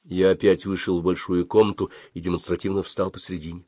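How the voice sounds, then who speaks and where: A man narrating an audiobook in an expressive storytelling manner. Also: low-pitched, a little fast, dry recording, studio quality. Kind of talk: scripted narration.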